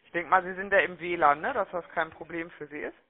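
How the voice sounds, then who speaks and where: This call-centre agent talks fast in a steady tone, his voice notably high. Chummy and verbose during the sales call, he tacks little questions onto what he says, all heard through thin, muffled, narrow-band phone audio.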